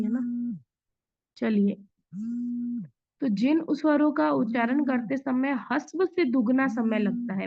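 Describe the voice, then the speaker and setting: Female teacher, online lesson, patient explainer, muffled call audio. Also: high-pitched. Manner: patient, explains step by step with examples. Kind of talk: online Hindi grammar class. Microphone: video call. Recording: dull lo-fi online class audio.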